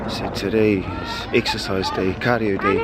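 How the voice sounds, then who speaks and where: Laid-back man vlogging in loud crowd noise. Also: low voice, fairly even intonation, moderate pace. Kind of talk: casual vlog chat. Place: mostly outdoors in noisy public places. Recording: noisy outdoor crowd and traffic ambience. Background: crowd and street noise.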